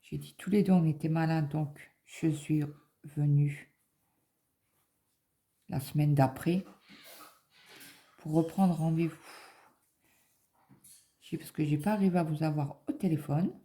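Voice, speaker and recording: A woman's voice: sits low, steady tone, measured pace, pauses often, mellow. A middle-aged woman chatting casually on a vlog, rambling with many fillers as she acts out a conversation. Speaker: vlogger. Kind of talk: casual chat, retelling an appointment.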